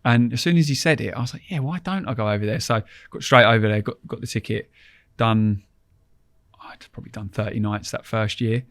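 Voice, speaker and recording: Low-pitched man. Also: fairly even intonation, moderate pace, fairly bright tone, dry recording. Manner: informal, colloquial, rambling. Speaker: podcast guest, angler. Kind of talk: casual anecdotal storytelling.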